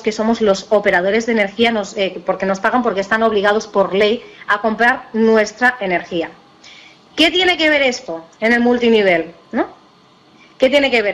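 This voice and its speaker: Higher-voiced woman pitching an investment. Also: a bit bright, low-quality recording. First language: Italian. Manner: persuasive, many fillers and restarts, rhetorical questions. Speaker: network marketing presenter. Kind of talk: sales pitch over a slideshow.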